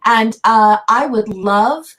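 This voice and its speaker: A woman's voice: a little high, slow, a bit bright. A woman on a podcast panel, speaking in an effusive, playful casual chat with many restarts.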